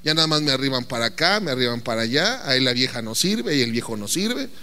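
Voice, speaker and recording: A man acting out a self-pitying older person who grumbles about being ignored, in a low, whiny, dragging voice. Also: animated, quick pace, bright, forceful tone.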